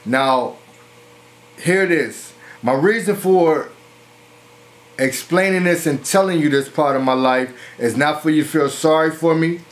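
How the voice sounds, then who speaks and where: A middle-aged man, telling his own life story in a slow, earnest way. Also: a little high. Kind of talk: personal testimony.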